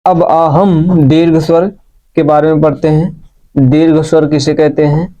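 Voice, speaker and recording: A man teaching a Hindi grammar class, explaining slowly and repeating key points for his students. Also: a little high, flat delivery, dark tone. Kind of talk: classroom lesson. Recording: dull lo-fi sound.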